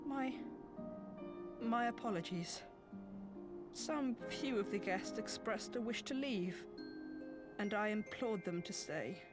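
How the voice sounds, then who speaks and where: An actress playing a kindly, deferential servant who speaks softly and haltingly in a video game. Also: female voice, mid-range voice, lively intonation. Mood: gentle. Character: meek, kindly servant, gentle and hopeful. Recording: loud game music behind.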